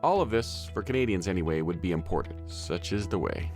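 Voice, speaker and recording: Male podcast host, lowish voice, animated upbeat read over guitar music. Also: fairly quick. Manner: upbeat, enthusiastic delivery. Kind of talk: podcast intro and interview.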